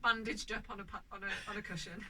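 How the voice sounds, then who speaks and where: A woman's voice: mid-range voice, fast talker. A woman who co-hosts a podcast, telling a comedic parenting story with exasperation and the odd swear word. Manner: animated, exasperated, swears freely. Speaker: podcast co-host and mother. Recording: distant mic with background noise.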